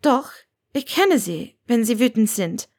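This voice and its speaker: High-voiced defiant young witch read by a woman. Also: sing-song, measured pace, husky, exaggerated voice. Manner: high, bright, defiant and teasing.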